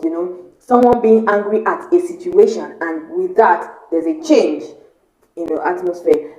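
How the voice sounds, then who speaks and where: Woman host, mellow tone, earnest self-help talk with rhetorical questions, roomy echo. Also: on the low side. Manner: earnest, asks the viewer rhetorical questions and repeats key points. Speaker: motivational YouTube host. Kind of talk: motivational talk to camera.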